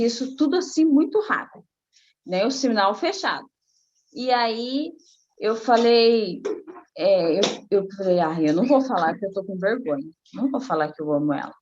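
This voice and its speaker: A middle-aged woman, telling a personal faith testimony in a casual, animated way. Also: on the high side, lo-fi sound, a little hiss or hum. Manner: animated storytelling, acting out quoted voices. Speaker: guest giving a testimony.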